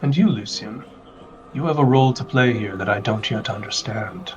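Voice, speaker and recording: An earnest, warm-hearted male adventurer voiced by a man in a tabletop game speaks reflectively in a lowish voice. He sounds set back from the mic, with faint music behind. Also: moderate pace, far from the mic, dull audio, lightly acted. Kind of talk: tabletop role-play in character.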